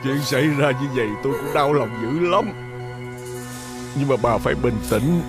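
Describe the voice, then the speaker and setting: A man's voice: medium pitch, normal speed, lightly acted. An actor playing an elderly father whose house has burned down, comforting his wife and then confronting the son who ran up debts. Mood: consoling. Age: older. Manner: shouting in panic, then gravely comforting. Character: elderly father, distraught over his ruined family. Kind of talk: folk-tale drama acting. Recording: film audio with loud background music.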